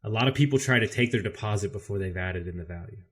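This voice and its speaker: A man speaking as a guest on a podcast, with a slightly low voice. He tells his story candidly and with energy, and swears freely. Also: fast, slightly rough. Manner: candid, profane, animated storyteller. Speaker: podcast guest, business coach. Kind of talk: casual storytelling interview.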